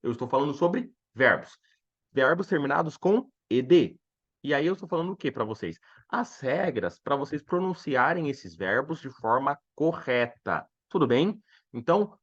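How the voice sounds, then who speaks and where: A man with a Brazilian Portuguese accent teaching English in a live online lesson, slowly repeating each word twice and chatting with viewers. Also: fairly high pitch, muffled recording. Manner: chatty, animated explaining to viewers.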